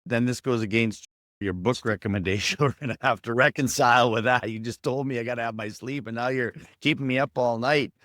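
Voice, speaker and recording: A man's voice: medium pitch, fairly quick, fairly bright tone, no echo, clean studio sound. A man hosting a podcast on a video call, asking questions in an encouraging way with frequent restarts. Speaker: podcast host. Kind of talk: casual interview chat.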